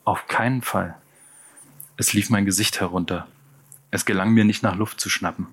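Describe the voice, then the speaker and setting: Low-voiced man reading an audiobook. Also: steady tone, moderate pace, a bit bright, slightly rough. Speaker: audiobook narrator. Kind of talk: scripted narration.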